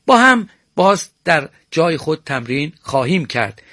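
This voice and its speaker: A middle-aged man teaches poetic meter on a broadcast program, his voice sitting a little high. He speaks with formal courtesy and chants syllable patterns slowly. The recording is dry and close, with no room echo. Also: very animated, sharp tone. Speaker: teacher of Persian prosody.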